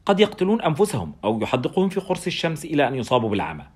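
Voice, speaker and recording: A man reads as a bearded German anesthetist, a talkative doctor who explains drug facts at a rapid clip. The lines come quick in a storybook reading, lifted a little above the narrator's own pitch. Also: huge pitch swings, husky, full character voice. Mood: explaining.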